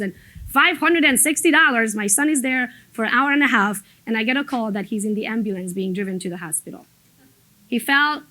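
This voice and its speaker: The audio is poor, but her voice comes through a little high and a bit bright. She's a woman coaching a group on business motivation, speaking bluntly and emphatically in an informal, story-driven way with some mild swearing. She moved to the US from another country as an adult and is not a native English speaker.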